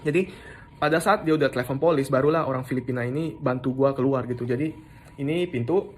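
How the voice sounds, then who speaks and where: Young man telling a story, halting and slangy. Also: medium pitch, a little hiss or hum. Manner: slangy, halting, with many restarts and English words mixed in. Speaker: storyteller recounting an assault. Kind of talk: casual first-person storytelling.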